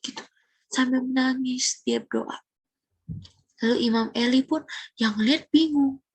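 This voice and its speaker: Young woman Sunday school teacher, husky, fairly high voice, dry close sound, animated storytelling with questions to the kids. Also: a little slow, no room sound. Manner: animated, asks children questions, drops into whispers. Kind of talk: Bible storytelling lesson for children.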